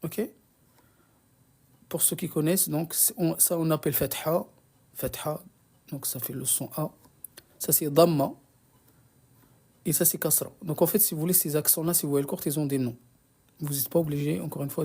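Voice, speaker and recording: A teacher of Arabic reading runs a live online lesson with a mellow, gravelly voice. The delivery is patient and unpolished, full of restarts and little checks like "d'accord?". Arabic blessings come up now and then between the explanations. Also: medium pitch, fairly even intonation, moderate pace, long pauses.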